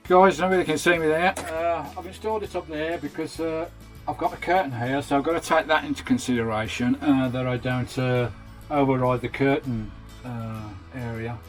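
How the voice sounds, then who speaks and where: At a moderate pace and with fairly even intonation, a man with a mid-range voice delivers a matey, hands-on vlog from inside a campervan, with faint music behind. A vanlife vlogger from the UK, he speaks with a British accent, keeping it chatty and full of British slang as he tours and fits out the van.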